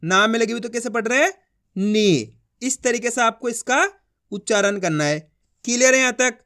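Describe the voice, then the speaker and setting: A man teaching a reading lesson step by step, drilling with repeated questions and answers and stretching syllables out slowly. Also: extremely high pitch, bright, forceful tone.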